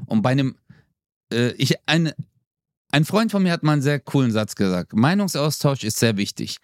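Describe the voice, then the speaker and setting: A laid-back man chatting on a podcast in a slangy, easygoing way, now and then acting out what people say. His voice sits at an ordinary middle pitch. The recording is dry and close, with no room sound. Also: expressive, normal speed, no room sound. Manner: laid-back, slangy, acts out quoted lines. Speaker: podcast co-host. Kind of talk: casual chat.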